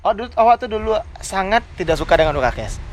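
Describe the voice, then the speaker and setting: Young man, quick talker, casual podcast chat. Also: high-pitched. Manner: animated storyteller, acts out quotes. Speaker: podcast co-host.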